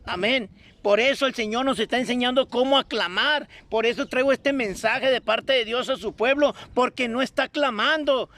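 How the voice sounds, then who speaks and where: A man's voice: very high voice, moderate pace, sharp tone. A man preaching a fervent sermon to a streamed audience, exhorting listeners with repeated, insistent phrases. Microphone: streamed broadcast.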